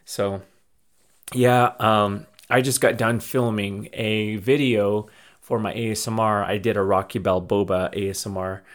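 Rambling man, slightly low voice. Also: steady tone, unhurried. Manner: rambling, restarts and repeats phrases; effusive and grateful. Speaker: podcast host and small business owner. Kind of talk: casual life-update ramble.

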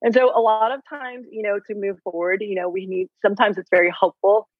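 A woman's voice: mid-range voice, a little fast, dry recording. Chatty woman in her forties, phone-like line. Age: 40s. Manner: chatty, filler-heavy, animated retelling. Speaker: health coach, guest. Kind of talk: candid interview storytelling. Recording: dry, tinny phone-like audio.

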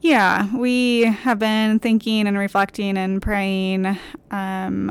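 A woman's voice: mid-range voice, creaky, clean tone. A woman co-hosting a podcast, speaking in a reflective way as she talks and reads. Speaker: podcast co-host. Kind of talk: reflective podcast talk and poem reading.

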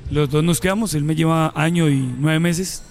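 A Colombian man in his forties, a guest telling stories from his life in a relaxed, casual interview. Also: a little high, normal speed, slight background noise. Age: 40s. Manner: relaxed storyteller, mixes local slang.

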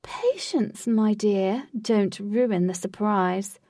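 A woman reading a storybook, voicing a smug, theatrical male host who speaks slowly and grandly. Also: medium pitch, warm tone, dry recording, clean studio sound, recorded from a distance. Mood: grandiose. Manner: slow, drawn-out, lofty phrasing.

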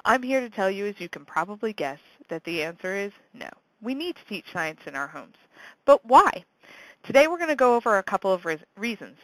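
Bright, curious woman hosting science lessons, dry sound. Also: medium pitch, no room sound, low-quality recording. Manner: encouraging, poses questions and answers them. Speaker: host of a homeschool science teaching show. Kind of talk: scripted explanatory presentation to parents.

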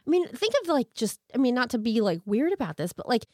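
Female true crime co-host, highly varied melody, sardonic edge, recorded very dry. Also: sing-song, fast talker, darkish tone, no echo. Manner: incredulous, sardonic asides. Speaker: podcast co-host. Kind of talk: true crime narration with casual, wry commentary.

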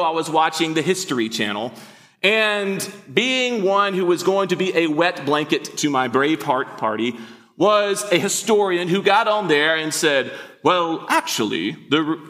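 Male preacher, fairly high and bright, joking with the congregation; long church reverb. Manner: joking, conversational preaching with the crowd. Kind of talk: sermon. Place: church sanctuary.

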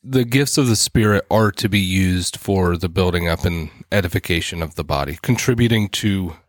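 A man co-hosting a casual church podcast, explaining ideas and citing scripture between quick laughs. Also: low-pitched, no room sound, clean studio sound. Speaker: podcast co-host. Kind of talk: casual chat about church.

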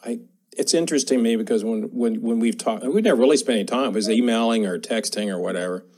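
A man's voice: mid-range voice, quick pace, darkish tone. A man from the American South co-hosting a casual interview, explaining his points at length in a friendly way. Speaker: podcast co-host, nonprofit president.

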